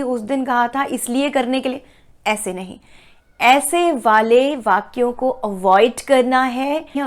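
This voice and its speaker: A woman teacher explaining writing rules to students step by step, often checking that they follow, and slowing down to read example sentences aloud. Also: high-pitched. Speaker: Hindi teacher. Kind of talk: classroom explanation.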